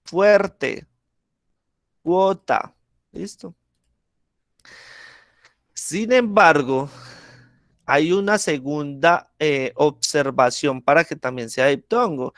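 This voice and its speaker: A man's voice: fairly high pitch, dry recording, studio quality. A man teaching a class, explaining step by step with examples and often checking that students follow. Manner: keeps checking in with the class, asking ¿listo? and ¿sí?. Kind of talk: online class lesson.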